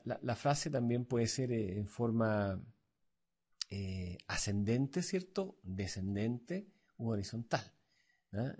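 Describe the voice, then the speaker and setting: A man with a Chilean accent lecturing as an instructor, halting and full of fillers and tag questions. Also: medium pitch, mellow, slightly rough. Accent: Chilean Spanish. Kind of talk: recorded lecture.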